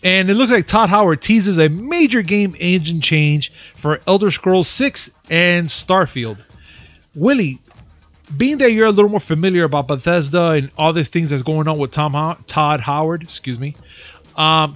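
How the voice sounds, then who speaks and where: A man's voice: on the high side, lively intonation, moderate pace, a bit bright, no echo, faint music behind. A man co-hosting a gaming podcast, joking and boasting and swearing freely in casual banter. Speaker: podcast co-host.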